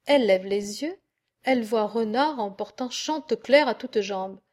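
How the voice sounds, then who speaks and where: A woman narrates a medieval animal tale for an audiobook. Her reading is slow and expressive, in a voice sitting slightly high. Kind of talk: storybook narration.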